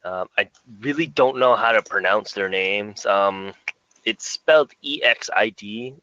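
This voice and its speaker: Low, bright-toned man chatting casually. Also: a little slow, no room sound, muffled recording. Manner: relaxed, rambling, frequent fillers and chuckles. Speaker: podcast co-host. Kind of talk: casual music podcast chat.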